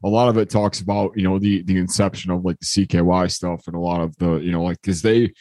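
Young guy w/ hiccups, deep voice, rambly casual podcast chat, dry sound. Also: steady tone, quick pace, darkish tone, dry recording. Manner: rambling, lots of fillers and restarts. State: has the hiccups.

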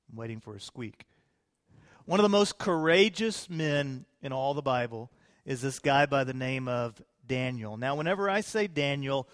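A man preaches from a pulpit microphone, his fairly high voice ringing with a long reverb through the church sanctuary. He keeps the sermon casual and joking. He often puts questions to the congregation. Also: a bit bright. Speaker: pastor.

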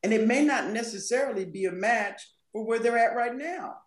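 A woman's voice: fairly high pitch, a little fast, roomy sound. A woman guest on a podcast talking about culture and communication in a thoughtful, emphatic way. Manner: thoughtful, emphatic, laughs easily. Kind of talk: podcast conversation.

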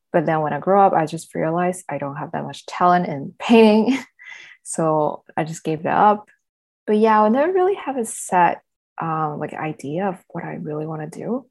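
Woman from southern china, chatty and relaxed, lowish voice, laughs a lot. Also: vocal fry. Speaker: guest, self-love coach. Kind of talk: casual interview chat.

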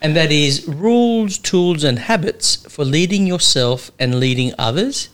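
A man's voice: on the high side, expressive, unhurried, a bit bright. A man co-hosting a podcast, chatting casually and wryly over a wine tasting, laughing often. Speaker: podcast co-host.

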